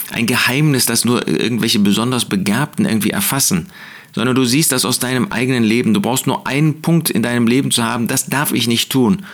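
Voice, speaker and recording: A man giving a short daily Bible devotional, earnest and emphatic, repeating his key phrases. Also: medium pitch. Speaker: preacher.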